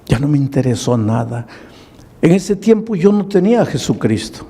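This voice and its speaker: A man's voice: fairly high pitch, sing-song, moderate pace, mellow, husky, big-room sound, heavily acted. A man voicing a grieving homeless drunkard who confesses his past in a pleading voice. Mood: anguished. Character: grieving homeless adult male drunkard, remorseful.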